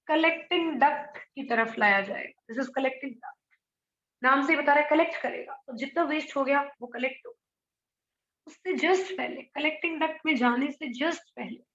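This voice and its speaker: Woman teacher, high voice, biology lecture, rhetorical questions, echoey room, muffled. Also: a bit bright. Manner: explains in mixed Hindi and English, asks rhetorical questions.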